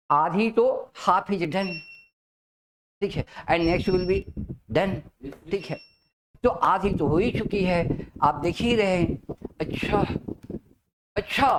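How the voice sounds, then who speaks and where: A high-pitched man lectures a class in spoken English, dragging out key phrases for emphasis and pausing to check that everyone follows. A faint hiss sits under his voice.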